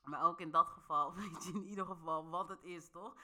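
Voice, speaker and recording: A woman's voice: lowish voice, fairly even intonation, fairly quick, sharp tone, a little hiss or hum. A woman talking straight to her viewers in a playful, casual monologue, often laughing and checking they follow her. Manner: playful, laughs often, asks the listener questions. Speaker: vlogger.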